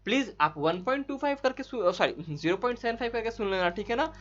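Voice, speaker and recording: A man tutoring biology for an entry exam, rushing through solutions in a chatty, coaxing way with frequent tag questions to his students. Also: very high voice, expressive, a bit bright, muffled recording. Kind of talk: fast online exam-solution lesson.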